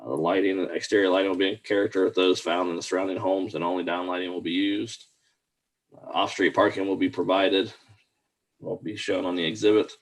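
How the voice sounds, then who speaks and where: A man's voice: low voice, level tone, fairly quick. A man reading out a formal staff report at a public meeting in a plain, procedural way.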